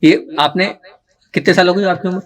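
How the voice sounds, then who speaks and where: A man's voice: sits high, fairly even intonation, a little fast. A man teaching a gathered group, explaining step by step and often checking that his listeners follow. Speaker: teacher of religious recitation. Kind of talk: live teaching talk to a group.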